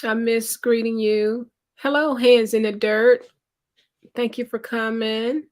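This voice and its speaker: A woman hosts a live stream in a relaxed, chatty way, greeting viewers by name and reading their comments aloud. Her voice is fairly high with fairly even intonation, and she takes her time.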